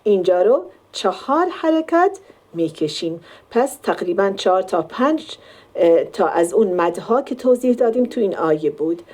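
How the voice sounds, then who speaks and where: Her voice is mellow and dark, medium in pitch and very animated, as she teaches Quran recitation. She goes through the points one step at a time, drawing out example words slowly to demonstrate each sound's length.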